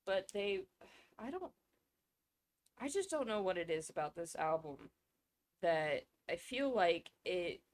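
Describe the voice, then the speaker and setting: A woman co-hosting a casual podcast, rambling and excitable, swearing freely. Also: lowish voice. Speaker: podcast co-host. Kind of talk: casual chat.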